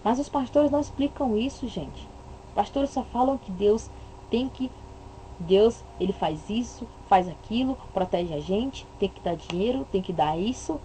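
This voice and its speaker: A woman's voice: mid-range voice, animated, moderate pace, mellow, a little hiss or hum, low-quality recording. A woman with a Brazilian Portuguese accent giving an impassioned religious monologue, emphatic and full of rhetorical questions. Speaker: religious commentator.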